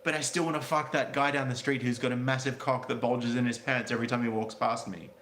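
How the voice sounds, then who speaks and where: A man's voice: mid-range voice, level tone, fast talker, a bit bright, close to an everyday voice. A man voicing a gushing, flirty woman in an exaggerated, mocking way. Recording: roomy echo, faint background noise.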